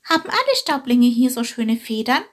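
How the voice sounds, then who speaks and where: A woman voicing a curious, easily startled young male sparrow in a storybook reading, breathy and high. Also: big pitch swings, moderate pace. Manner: eager, wondering questions.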